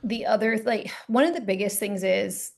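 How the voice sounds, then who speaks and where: Female co-presenter with vocal fry, lively and quick, talking over a video call. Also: mid-range voice. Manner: quick, animated storytelling. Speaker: team leader and co-presenter. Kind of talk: casual training talk.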